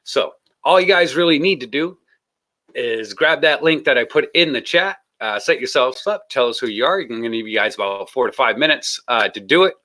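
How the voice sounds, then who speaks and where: A man hosts a live stream in loose, rambling talk, often breaking into laughter. His voice sounds bright and open. He jokes his way through greeting his guests. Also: mid-range voice, expressive, fairly quick. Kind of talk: casual live stream chat.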